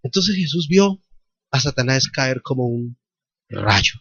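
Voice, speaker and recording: The recording is muffled, with loud worship music and no echo, as a Colombian-accented male pastor preaches in a church hall. His mid-range voice is slightly rough, swings widely in pitch, and takes things slowly. He shares a testimony with quoted dialogue before calling out questions to the congregation in fervent call-and-response.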